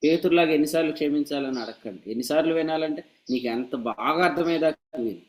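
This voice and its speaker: A pastor preaching a sermon to a church meeting, in a voice pitched a little above most men. He is lively and pointed, teasing and scolding his listeners with humor and firing off rhetorical questions. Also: quick pace, rough recording.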